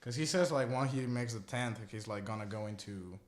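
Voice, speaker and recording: A man's voice: mid-range voice, a little fast. Casual man talking films in an echoey room. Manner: relaxed, loose with many fillers. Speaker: podcast co-host. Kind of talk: casual film chat.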